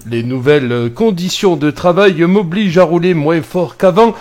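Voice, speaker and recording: A truck driver in France gives casual dashcam commentary on the road, joking and animated but exasperated at other drivers. His voice is fairly high and his pace normal.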